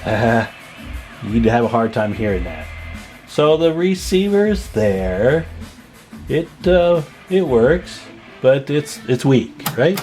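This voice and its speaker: Soft music plays behind a man with a mid-range, darkish voice who speaks slowly yet very animatedly. As a radio repair technician and video host, he demonstrates hands-on at an indoor test bench, informal and folksy, musing aloud as he works.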